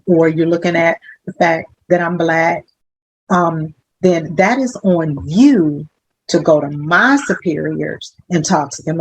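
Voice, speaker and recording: A woman who works as a hospital social worker, telling stories in a lively, humorous way and acting out other people's voices. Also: low voice, breathy edge, no echo, rough recording. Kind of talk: casual interview storytelling.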